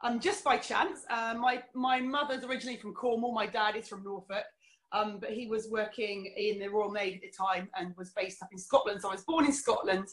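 A woman's voice: mid-range voice, steady tone, a little fast. A middle-aged woman from England, candidly telling her life story as an interview guest, with many fillers. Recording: roomy echo.

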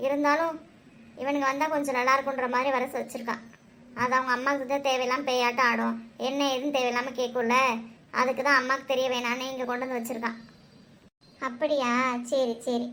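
A woman's voice: high voice, level tone, brisk, long pauses, fairly bright tone, a little hiss or hum. A woman voicing homely village women in a cartoon, chatty and scolding by turns. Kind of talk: cartoon voice acting.

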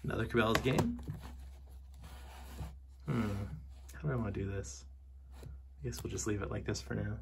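A young video game collector vlogger chats casually at home, unboxing the games he brought back and tossing in wry, jokey asides. His voice is low and gravelly, with a moderate pace and frequent pauses. The background is noisy.

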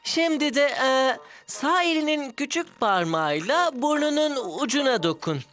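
A woman voicing a clever young frost boy in a cartoon dub, coaxing and quick-witted. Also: high voice, very animated, background noise. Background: music.

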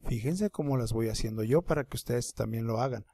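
A man teaching first graders in an online lesson, patient and slow, repeating each word for young learners at his computer. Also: mid-range voice, warm tone, no room sound. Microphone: computer microphone.

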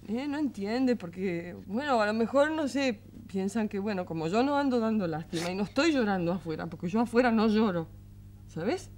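An actress with a Rioplatense accent playing a tender, weary single mother who soothes her young son in a soft, coaxing voice that often sinks to a murmur. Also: medium pitch, lively intonation, moderate pace, a little hiss or hum, close to an everyday voice. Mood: soothing. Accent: Rioplatense Spanish. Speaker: mother of an eleven-year-old boy. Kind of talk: 1980s television drama acting.

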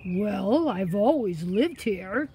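A woman's voice: mid-range voice, animated, slow, mellow. A woman voicing a big, boastful, teasing Cheshire Cat in a children's story, full of emphatic questions. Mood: smug. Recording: outdoor ambient noise, faint.

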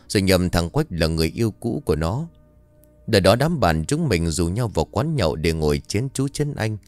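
Deep-voiced storyteller. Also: male voice, no room sound. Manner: lively, expressive first-person storytelling. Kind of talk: ghost story narration.

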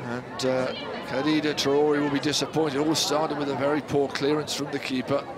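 A man's voice: medium pitch, little pitch movement, normal speed. A man giving live football commentary in short, clipped descriptive phrases. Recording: loud crowd and outdoor stadium noise.

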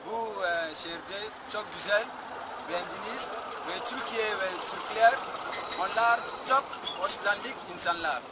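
A young man with an Ivorian accent and a high voice answers haltingly in a language he is learning. Loud street noise surrounds him. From Ivory Coast. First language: not Turkish, a learner. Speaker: student interviewee. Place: outdoors in a town square. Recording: very noisy outdoor street recording.

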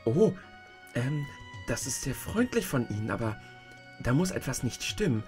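A man reading a storybook aloud and voicing a polite, wondering young girl, higher and softer than his own voice. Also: very animated, moderate pace, soft background music, natural voice.

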